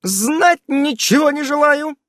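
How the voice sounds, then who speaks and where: Audiobook witch: male reader doing a fussy mother who scolds in a high, chirpy voice, dry and close. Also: lively intonation, measured pace, no echo, full character voice. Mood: scolding.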